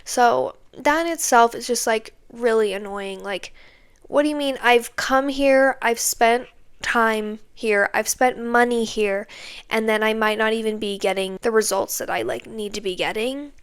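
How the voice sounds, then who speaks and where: Young woman, podcast host, slightly high voice, casual exasperated venting monologue. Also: measured pace, clean tone. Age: young adult. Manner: venting, exasperated, heavy on fillers like "like" and "okay".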